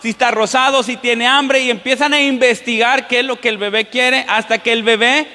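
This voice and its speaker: A man's voice: extremely high pitch, fairly even intonation, normal speed, sharp tone. A man preaching a sermon as pastor in a church, often putting questions to the congregation. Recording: long church-hall reverb.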